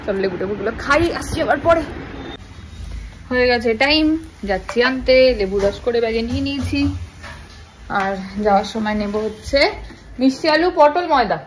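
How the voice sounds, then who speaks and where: A woman's voice: on the high side, normal speed, pauses often, slight background noise, low-quality recording. Chatty mother vlogging her day. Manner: chatty, talks to viewers while doing chores. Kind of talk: casual daily-life vlog narration.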